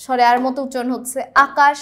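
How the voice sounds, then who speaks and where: Young female tutor with a high voice, walks through answers step by step and checks in with the class often. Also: flat delivery, fast, a bit bright, slight background noise. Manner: explains step by step, often asks the class to confirm. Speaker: teacher. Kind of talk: exam-prep grammar lesson.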